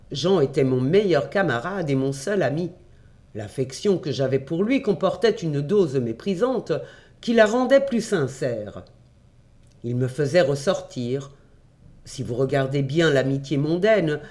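A man reading a classic adventure novel aloud, in measured, expressive storytelling. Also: a little high. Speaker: audiobook reader.

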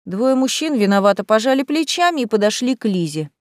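A woman reading a storybook aloud in a lively, expressive way. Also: a little high, brisk, no echo, clean studio sound. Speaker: audiobook reader. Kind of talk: storybook narration.

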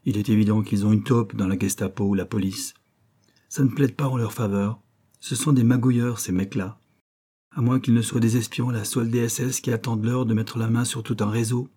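Guy doing a blunt angry old pal, dark husky voice, scolding hard. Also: lowish voice, steady tone, a little fast. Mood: worried. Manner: scolding, heated and accusing. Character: Léopold, old friend, blunt and indignant man. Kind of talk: audiobook reading.

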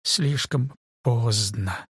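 A man voicing a broken young man who stammers and speaks slowly in an audiobook. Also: fairly bright tone, slightly rough, dry recording, studio quality, full character voice. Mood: grim. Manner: stammering, slow and low.

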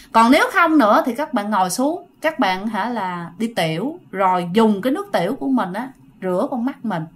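A woman telling ghost stories casually, talking straight to her listeners. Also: fairly high pitch. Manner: chatty, addresses listeners directly. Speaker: storyteller.

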